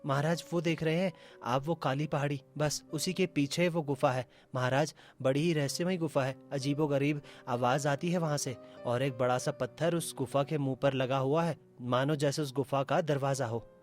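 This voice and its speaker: A man's voice: mid-range voice, fairly even intonation, normal speed, hardly any pauses, close to an everyday voice. A man voicing a loyal, fretful royal minister who pleads with his king in a cartoon story. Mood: informing. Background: background music.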